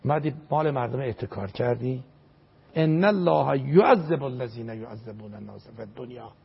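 An older man speaks as a religious scholar, preaching emphatically and reciting verses. His voice is gravelly and very husky. The recording sounds dull and lo-fi. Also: mid-range voice. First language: Azerbaijani. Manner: emphatic, recites Arabic verses, repeats phrases for stress. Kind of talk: religious lecture in an interview.

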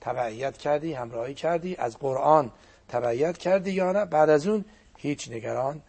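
An older man, a cleric whose first language is Azerbaijani Turkish, telling religious stories in an animated preaching manner with a husky, gravelly voice. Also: on the high side. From Turkic-speaking region of Iran. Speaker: cleric guest speaker. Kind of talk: religious storytelling talk.

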